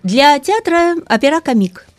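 Lively woman explaining opera, dry sound. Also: high voice, moderate pace, dry recording. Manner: lively, explanatory, asks rhetorical questions. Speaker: guest music expert. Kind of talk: radio talk about opera.

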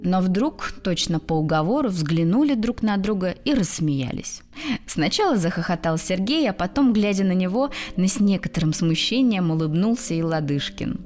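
A woman actress reading a classic story aloud in an even, expressive storytelling manner. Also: on the low side, moderate pace, faint music behind. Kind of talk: audiobook narration.

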